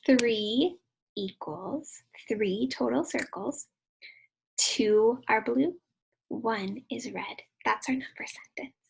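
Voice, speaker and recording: A woman gives a lesson for small children like a kids show host, speaking to them directly and encouragingly. Her voice is fairly high and slow, with noticeable creak, and she falls into a sing-song when counting. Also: low-quality recording. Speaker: kindergarten math teacher. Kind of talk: instructional lesson for young children.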